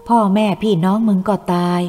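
Woman voicing a coarse male traitor, menacing, slow, heavy, mellow tone, long reverb, soft music behind. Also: mid-range voice, fairly even intonation, close to an everyday voice. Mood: coaxing, coarse. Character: cruel male traitor, Thai collaborator, menacing.

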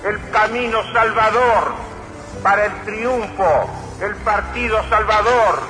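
Slow, earnest high-voiced man giving a political speech, heard in a long echoing hall with loud music. His pitch sits high and his delivery is very unhurried. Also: fairly even intonation.

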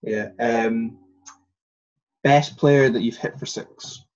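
A man's voice: mid-range voice, fairly even intonation, slow. Man hosting a podcast, muffled. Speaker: podcast host. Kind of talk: casual podcast chat. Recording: dull, muffled sound.

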